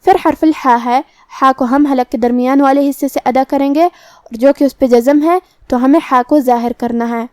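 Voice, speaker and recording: A woman teaching Quran recitation rules in a calm, step-by-step way, with slow drawn-out chanting of verse examples. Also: sits high, no room sound. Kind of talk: tajweed lesson explaining pronunciation rules.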